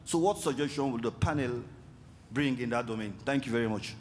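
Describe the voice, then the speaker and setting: A man's voice: mid-range voice, brisk, darkish tone, slight background noise. A man from the audience earnestly asking a conference panel a two-part question in a large hall. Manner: earnest, pleading. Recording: reverberant hall, faint ambience.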